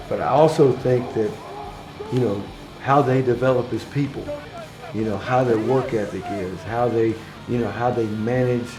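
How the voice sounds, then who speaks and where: Football coach guy from alabama, mellow tone, kinda halting, echoey room, soft music under it. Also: medium pitch, creaky. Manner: earnest, halting, many restarts. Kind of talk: interview soundbites.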